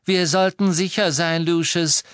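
A cold, poised aristocratic witch, as a man puts her on in a raised, clear voice. She sounds precise and guarded, recorded dry. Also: fairly high pitch, fairly even intonation, unhurried, fairly bright tone, no room sound, voice pushed up.

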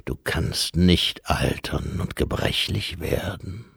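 A man voicing Death, hushed and grave. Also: low-pitched, takes it slowly, gravelly, slightly rough, no echo, studio quality, voice pushed down, exaggerated voice. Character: Death, solemn calm male skeletal being. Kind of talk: audiobook character voice.

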